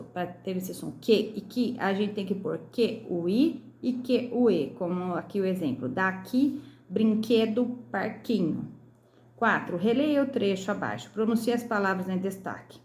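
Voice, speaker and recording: A Brazilian woman teaching young children, speaking slowly and sounding out each syllable. Her voice sits at an ordinary pitch. The room around her is echoey. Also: lively intonation, darkish tone. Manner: slow, clear, syllable by syllable. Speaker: primary school teacher. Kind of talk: recorded lesson correcting a workbook.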